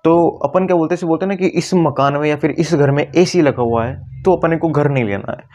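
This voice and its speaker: A man teaching chemistry at a board, often slowing down to repeat key words and calling his students "beta". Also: on the high side, darkish tone. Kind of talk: classroom lecture at a board.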